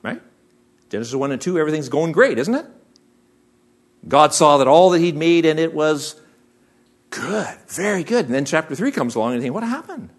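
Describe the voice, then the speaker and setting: A man's voice: on the high side, lively intonation, moderate pace, pauses often. A man preaching a sermon as pastor, asking the congregation rhetorical questions.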